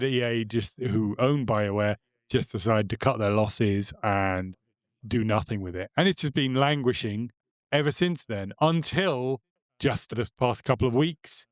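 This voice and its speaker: A man's voice: medium pitch, clear, resonant tone, dry recording, studio quality. A man hosting a podcast, running through gaming news in a chatty, self-assured way. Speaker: podcast host. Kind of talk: casual chat, news rundown.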